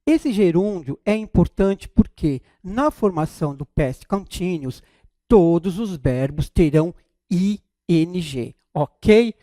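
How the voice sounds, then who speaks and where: Brazilian man teaching English grammar, high voice. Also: expressive, dark tone, no echo, studio quality. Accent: Brazilian Portuguese. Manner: slow, deliberate explaining, checks in with "tá?" and "ok?". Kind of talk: grammar video lesson.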